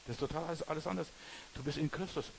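A man's voice: on the high side, very fast, gravelly, slight background noise, rough recording. A man preaching a sermon in an earnest way, speaking straight to the listener and checking again and again that they follow. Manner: earnest, addresses listener directly with repeated "verstehst du".

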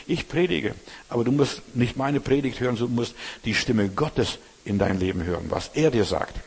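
A man preaches as pastor in a colloquial, direct style, constantly turning to the listener. His voice is husky. It rings out with a long reverb, as if in a large hall. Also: medium pitch, darkish tone. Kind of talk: sermon.

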